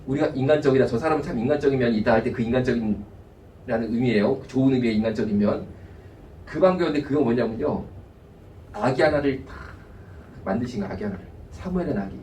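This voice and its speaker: A male pastor giving a lively sermon, acting out people's words in asides. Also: medium pitch, fast talker, reverberant, far from the mic, slight background noise. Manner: animated preaching, voices God and people in asides. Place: church sanctuary.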